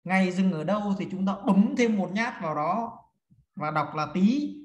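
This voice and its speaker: A man teaching a class, counting and explaining steps one by one to his students. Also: sits high. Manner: slow, step-by-step counting and instructing. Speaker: feng shui teacher. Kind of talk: classroom lesson. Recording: echoey room.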